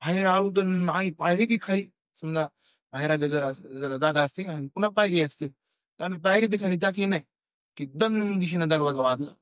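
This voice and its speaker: A young Marathi-accented man telling a true ghost story on a podcast, halting with fillers and restarts and acting out what people said. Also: high-pitched, no room sound, studio quality. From India. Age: young adult. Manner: halting, many fillers and restarts, acts out quoted dialogue. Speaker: guest storyteller.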